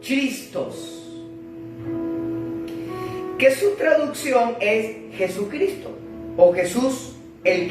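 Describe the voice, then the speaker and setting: A male preacher giving a sermon, speaking emphatically and addressing the congregation directly, often repeating words and restarting phrases. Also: high voice. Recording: very echoey hall from far off with faint music.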